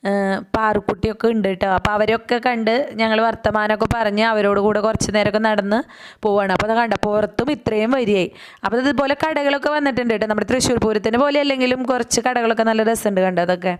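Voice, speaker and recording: A woman's voice: medium pitch, clean tone. A woman, chatting through a casual voice-over of a family outing with frequent asides to the viewer. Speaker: vlogger.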